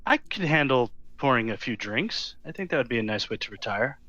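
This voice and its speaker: A man's voice: mid-range voice, lively intonation, brisk, bright, forceful tone, no echo, muffled recording. A man playing a tabletop game, making brief, matter-of-fact remarks. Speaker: player. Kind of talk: casual game-table chat.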